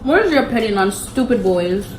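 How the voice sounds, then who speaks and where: A teenage girl chatting casually and giggling while eating, talking in an animated way. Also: fairly high pitch, brisk, roomy sound, a little hiss or hum, low-quality recording. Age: teens. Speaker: vlogger. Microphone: tabletop microphone.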